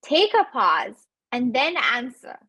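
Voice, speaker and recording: A woman in her thirties with an accent gives animated webinar coaching, laughing easily and talking straight to her audience. Her voice sits fairly high and sounds a little husky. The recording is dry and close. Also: slow, dry recording. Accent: non-native English accent. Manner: animated, laughs often, speaks directly to listeners. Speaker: webinar speaker on residency interviews.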